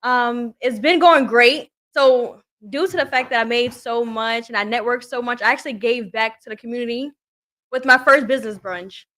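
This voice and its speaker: Brief: twenties New woman guest, bright and earnest, a bit high. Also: moderate pace. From Brooklyn, USA. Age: 20s. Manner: earnest, steady telling with fillers. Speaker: podcast guest, entrepreneur. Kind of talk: casual interview chat.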